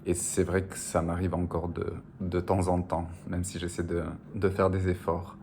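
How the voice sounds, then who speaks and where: In a monotone, low-pitched and slightly mellow voice at normal speed, a novelist discusses his writing in an interview, with a little hiss or hum in the audio. Originally from the French Basque Country on the border and a native Spanish speaker, he pauses, uses many fillers and repeats himself as he thinks.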